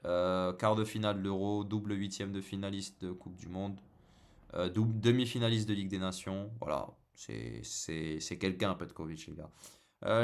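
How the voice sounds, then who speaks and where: Low-voiced, hesitant man streaming football talk. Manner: hesitant, many fillers and repeated words; joking, casual banter with viewers. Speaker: football channel host. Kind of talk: live stream commentary, answering chat.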